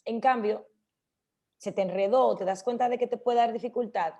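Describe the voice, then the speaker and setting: A woman hosts a casual radio talk. She explains speech habits, often pausing to say difficult words slowly and clearly. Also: on the high side, mellow, highs cut off. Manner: explanatory, slows down to demonstrate words. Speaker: radio host.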